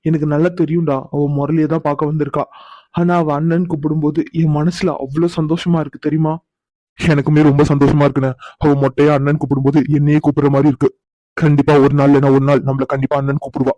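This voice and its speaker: A man voicing fast-talking, remorseful middle-aged brothers. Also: a little high, flat delivery, mellow, no echo, muffled recording, lightly acted. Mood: warm. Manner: pleading, emotional. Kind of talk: cartoon voice acting.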